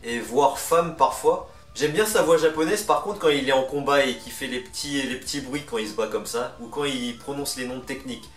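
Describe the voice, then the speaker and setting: A man's voice: medium pitch, brisk, few pauses. A man hosting a ranking in casual, chatty, opinionated commentary. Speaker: video host presenting a ranking. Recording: roomy, distant mic, music underneath. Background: music.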